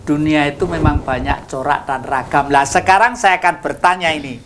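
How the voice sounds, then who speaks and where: A man's voice: on the high side, normal speed, background noise. An older man hosting a studio talk show, folksy and philosophizing, teasing his guests. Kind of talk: relaxed studio chat.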